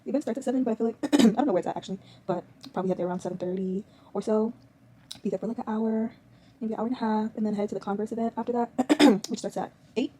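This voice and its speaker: There's a little hiss or hum behind this young woman's medium-pitched voice. She's a fashion influencer vlogging casually to camera, chatty and slangy, speaking directly to viewers.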